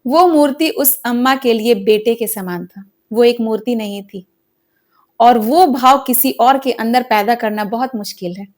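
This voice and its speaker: A woman's voice: a little high, measured pace. A woman narrating a devotional folk story in an earnest, dramatic way.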